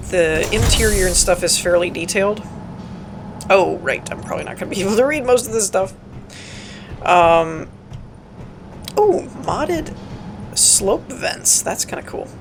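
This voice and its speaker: Hoarse and raspy from a cold, a woman hosting her own channel gives casual, rambling commentary on a gameplay walkthrough. Her voice is medium-pitched, and she says "um" a lot and makes self-deprecating jokes.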